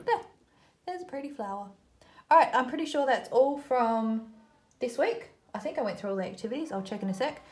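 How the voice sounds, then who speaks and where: A woman's voice: high-pitched, animated, fairly quick, darkish tone. A woman with an Australian accent giving a casual craft tutorial, chatting informally and self-deprecatingly as she thinks aloud while working. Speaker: host of a children's craft video.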